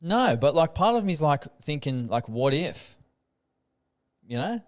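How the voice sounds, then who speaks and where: A man's voice: fairly high pitch, very animated, unhurried. An Australian man in his thirties, a rugby league player hosting a podcast, chatting casually about rugby in a laid-back way. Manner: laid-back, chatty, says "um" and "mate" often.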